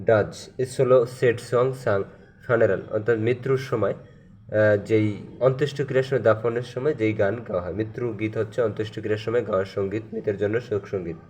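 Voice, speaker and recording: A man with a Bangladeshi accent teaching a lesson, reading out terms one by one and explaining each, moving between English terms and Bengali, with drawn-out fillers. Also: fairly low pitch, darkish tone, slight background noise.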